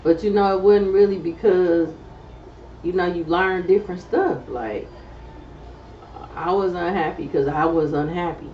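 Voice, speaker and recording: A woman's voice: lowish voice, fairly even intonation, unhurried, a little hiss or hum. A middle-aged woman, talking candidly in a loose, casual chat as co-host. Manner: candid, loose conversational talk with many fillers. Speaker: podcast co-host. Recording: roomy, distant, slightly dull sound.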